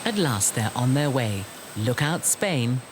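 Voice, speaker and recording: A man's voice: medium pitch, very animated, takes it slowly, very noisy. A man reading scripted narration for a TV documentary.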